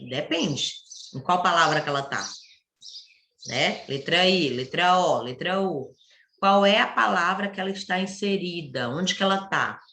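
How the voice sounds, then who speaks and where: A woman teacher gives an online lesson to young pupils. Her voice sits low but sounds bright and forceful. She explains patiently and keeps asking the class rhetorical questions, and the room around her is echoey. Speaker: primary school teacher.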